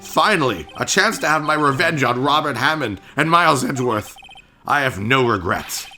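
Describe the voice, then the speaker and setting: A grumpy old man from a courtroom video game, voiced by a man, bitter and unrepentant. The voice has a bright, forceful edge and moves around in pitch over background music. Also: lively intonation, moderate pace. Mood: bitter, confessional. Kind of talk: amateur voice acting of video game dialogue.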